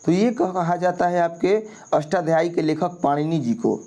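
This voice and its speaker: A man's voice: fairly high pitch, moderate pace, warm tone. A man teaching as an exam prep tutor, walking through grammar quiz answers step by step and often checking in with his listeners. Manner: repetitive, checks in with "ठीक है" often. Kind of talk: explaining a Hindi grammar quiz.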